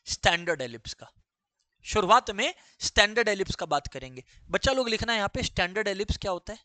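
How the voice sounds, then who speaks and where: A man's voice: high voice, bright, forceful tone, dry recording. A man teaching a maths lesson to students, repeating key phrases and firing questions at the class.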